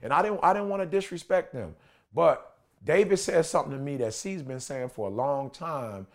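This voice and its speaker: A man's voice: fairly high pitch, expressive, moderate pace, gravelly. An American man in his forties telling personal stories in a casual chat, with an emphatic, slangy, repetitive delivery of a preacher and motivational speaker. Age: 40s. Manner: emphatic, repetitive, slangy, often checking the listener follows. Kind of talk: animated personal storytelling in a casual podcast chat.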